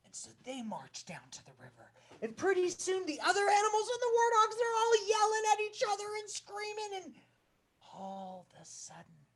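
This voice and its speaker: A woman telling a children's story with dramatic hushes and swells. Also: very high-pitched.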